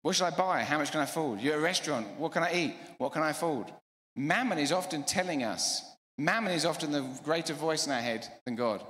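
A middle-aged man preaching a sermon to a church, energetic and emphatic, repeating phrases. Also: fairly high pitch, a little fast. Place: church hall. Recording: echoey church hall.

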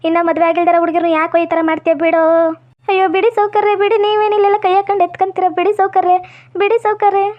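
A young woman doing a spirited village woman, North Karnataka Kannada accent, quick protesting talk, very high voice, muffled lo-fi audio. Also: flat delivery. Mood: furious. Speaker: actor in a village skit. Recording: dull lo-fi audio.

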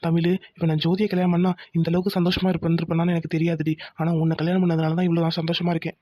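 A woman voicing a gentle, devoted young village husband who works as a mechanic. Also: lowish voice, monotone, dry recording, dull audio, close to an everyday voice. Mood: tender. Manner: gentle, reassuring, quick talk. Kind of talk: cartoon voice acting.

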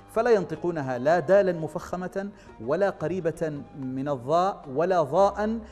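A man, a scholar of Quranic recitation, explaining in a measured way with drawn-out fillers and spoken pronunciation demonstrations, as a TV studio guest. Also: a little high, a little mellow. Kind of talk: explanatory TV interview answer. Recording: reverberant studio with faint background music.

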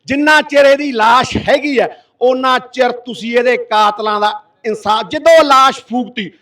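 A man's voice: very high voice, moderate pace. A middle-aged man with a Punjabi accent, an activist giving a fiery, impassioned speech at a village protest sit-in. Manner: impassioned, forceful, roaring. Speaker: activist addressing a protest gathering. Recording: voice from far off the mic.

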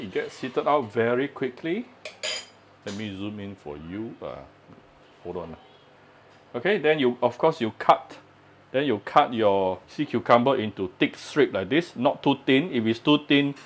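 A mid-range, animated voice at a measured pace belongs to a man hosting a home cooking demo at his stove. He keeps it casual, chatting and explaining with lots of "uh" fillers.

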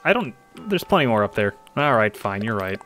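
A man playing a game on stream, chatting in a relaxed, chuckling, mock-defensive way. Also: lowish voice, brisk, faint music behind. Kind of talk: casual chat while gaming.

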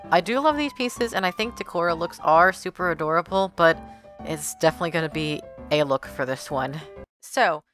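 A woman's voice: fairly low pitch, fairly quick, fairly bright tone, soft background music. A young adult woman hosting a casual fashion vlog in a chatty, playful, self-deprecating way. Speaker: fashion video host. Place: small room at home with shelves.

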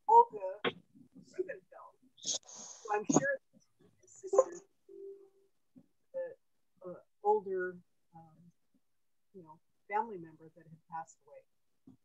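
A woman's voice: mid-range voice, gravelly, darkish tone, breathy edge, dry recording, rough recording. A woman asking a casual, hesitant question as an audience member on a video call.

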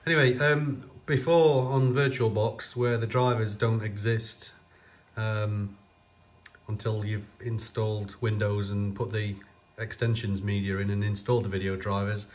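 A man's voice: fairly low pitch, level tone, a little slow. A man talking off camera while he works on an old computer, hesitant and full of fillers. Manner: hesitant, many fillers, thinking aloud. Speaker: computer restoration vlogger. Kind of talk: casual off-camera commentary.

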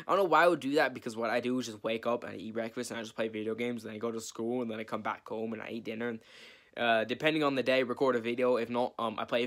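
A man's voice: medium pitch, fairly bright tone. Rambling, self-mocking teenage boy vlogger. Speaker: YouTube vlogger. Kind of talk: casual Q&A vlog to camera. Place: his bedroom.

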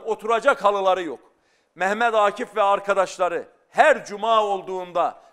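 A man's voice: sits high, fairly bright tone, clear, resonant tone. A middle-aged male scholar speaking as a guest on a studio talk show, explaining earnestly and building to fervent emphasis. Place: television studio.

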